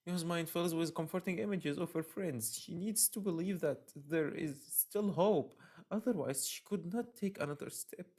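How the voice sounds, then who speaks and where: A man's voice: fairly high pitch, moderate pace, hardly any pauses, a little mellow. A man streaming a visual novel, reading the text aloud with dramatic, emotional reactions. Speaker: game streamer.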